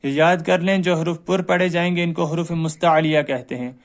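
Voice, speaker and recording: A man teaching a recorded Quran reading lesson, sounding out each letter slowly and loudly, then explaining briskly. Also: a little high, steady tone.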